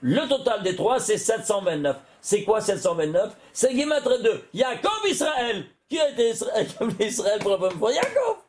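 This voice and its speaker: A man, a rabbi, giving an animated Torah lesson, often exclaiming and putting questions to his listeners. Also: high voice, moderate pace, hardly any pauses.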